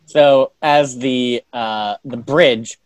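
A man in his early thirties on a podcast, joking dryly with deadpan timing. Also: mid-range voice, dry recording. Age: 30s. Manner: dry, deadpan joking with "uh" pauses. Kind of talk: casual chat.

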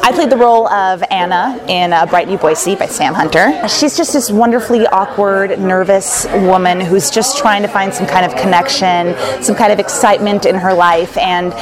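A stage actor answering interview questions in a halting way with many fillers. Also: male voice, sits high. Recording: crowd chatter behind.

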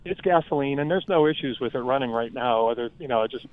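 A man's voice: medium pitch, quick pace. A man calling a radio show on his phone while driving, with the reception breaking up, chatting in an easygoing way. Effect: phone call from a moving car, reception breaking up. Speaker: caller. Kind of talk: casual call-in chat. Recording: tinny phone line, dry.

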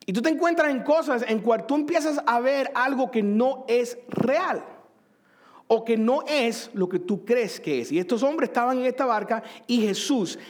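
A man's voice: extremely high pitch, moderate pace. A middle-aged man from Cuba preaching a sermon in a conversational way, asking the congregation questions and joking with them. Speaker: pastor.

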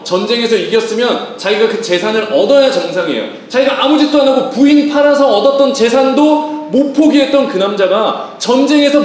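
A man preaching a lively, joking sermon and putting questions to his congregation. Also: sits high. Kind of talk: lively sermon with acted-out quotes. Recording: echoey room, voice from a distance.

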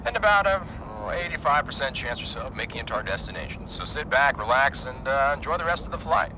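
A laid-back airline captain, voiced by a man, speaks from the cockpit over the cabin speaker. His voice sounds distant, and his pitch swings widely as he gives an offhand, breezy announcement. He sounds calm and unhurried in this radio ad. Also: background noise.

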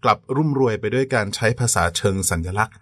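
Polite low-voiced man, dry sound. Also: fast, a bit bright, no echo. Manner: polite, frequent affirmations. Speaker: podcast co-host. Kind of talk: conversational lecture.

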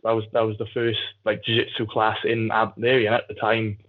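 This is a male jiu-jitsu athlete with a South Wales Valleys accent, telling stories casually and candidly as a podcast guest. His voice is on the low side, completely flat and fast. The recording sounds muffled, like a phone call.

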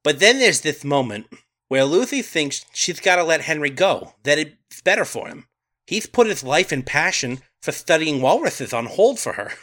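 A man's voice: on the high side, sing-song, moderate pace, fairly bright tone. A man co-hosting a podcast, recapping a movie plot and sharing trivia in casual chat, laughing often. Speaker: podcast co-host.

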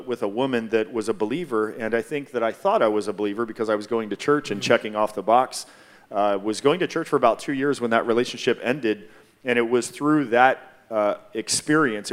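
A man from Hawaii sharing a personal testimony on a church panel, speaking in a measured, reflective way with frequent pauses. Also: lowish voice.

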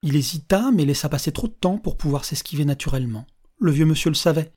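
Calm measured audiobook narrator. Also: mid-range voice, husky.

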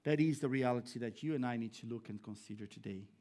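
A man from Brazil, a pastor preaching a sermon to a congregation, swinging between emphatic raised lines and low hushed ones. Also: fast talker. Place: church hall before a congregation.

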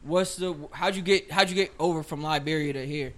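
Host: man, fairly high voice, casual talker full of fillers. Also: fairly quick. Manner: casual, heavy use of filler "like". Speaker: interviewer. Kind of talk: casual interview.

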